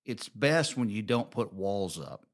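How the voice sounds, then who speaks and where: A man's voice: fairly low pitch, expressive, unhurried. A middle-aged man with an Alabama accent, co-hosting a casual talk and often rephrasing as he goes. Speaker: co-host of a marriage show.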